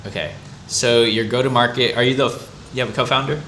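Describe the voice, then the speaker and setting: A man hosting a casual interview, upbeat and quick to affirm his guest. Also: medium pitch, fairly even intonation, a bit bright. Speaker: podcast host. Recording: roomy echo with faint noise.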